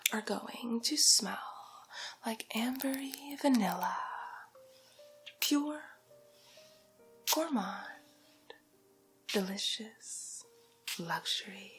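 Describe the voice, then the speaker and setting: In this ASMR roleplay, a woman with a slightly high voice plays a glamorous, vain, haughty villainess. She whispers breathily and condescendingly, stretching out each endearment.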